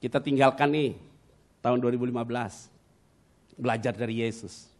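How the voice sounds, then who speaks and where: A man's voice: medium pitch, fairly even intonation, moderate pace. Middle-aged man preaching with dramatic bursts. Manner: dramatic personal storytelling with sudden loud bursts; mixes in English words. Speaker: pastor. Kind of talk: sermon.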